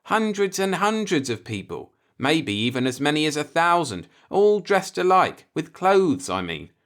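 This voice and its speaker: In a sci-fi audiobook, a man voices an upright, law-abiding character who is earnest, insistent, and quick to take alarm. His pitch jumps about in a highly animated way, though his pace stays measured, and the mood is earnest and defensive.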